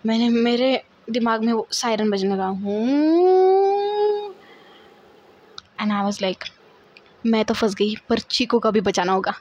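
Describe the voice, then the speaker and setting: A young woman in her twenties telling a storytime vlog story in a lively, dramatic way. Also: on the high side, normal speed, muffled recording. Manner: animated, dramatic, acts out others' lines. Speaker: vlogger. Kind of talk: casual storytime.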